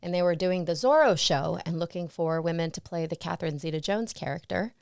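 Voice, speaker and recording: A woman's voice: fairly low pitch, brisk, creaky, a little mellow, clean tone, no echo, studio quality. A woman guest in an interview, reflecting on her career in a casual storytelling way and often laughing. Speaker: interview guest, stunt performer and actress.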